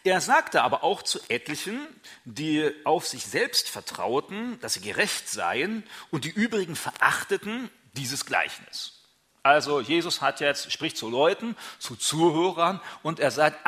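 A man preaching in a relaxed, talkative way, often turning to his listeners with questions. His somewhat high voice swings widely in pitch, and its tone is bright and forceful. He slips into short quoted voices to make his point. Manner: lively, asks listeners rhetorical questions; acts out quoted speech with a raised voice. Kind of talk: conversational sermon.

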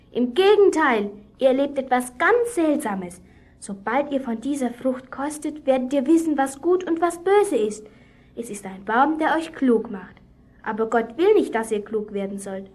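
A woman's voice: high-pitched, a little mellow. A woman putting on a sly tempting serpent. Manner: coaxing, mocking. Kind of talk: children's radio play.

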